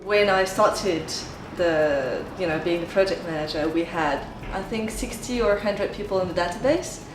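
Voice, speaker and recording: A woman's voice: on the low side, moderate pace, loud music behind the voice. A woman speaking informally in an interview as a project manager. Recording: echoey room, clear background noise.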